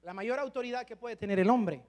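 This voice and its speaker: A man preaching a sermon as a pastor, chatting with humor, then dropping to hushed asides and rising to shouted climaxes. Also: very high-pitched, fairly quick. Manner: conversational and humorous with the congregation.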